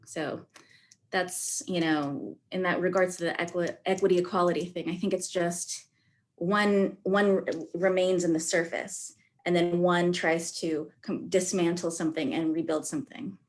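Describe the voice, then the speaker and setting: A woman panelist speaking on a video call, thinking aloud in halting phrases full of fillers. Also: fairly low pitch, fairly even intonation.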